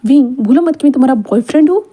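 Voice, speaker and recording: A woman voicing a teasing, affectionate young male lover in a read-aloud fan story, coaxing and drawn-out. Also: sits high, expressive, dark tone, breathy edge. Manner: playful, coaxing, drawn-out endearments.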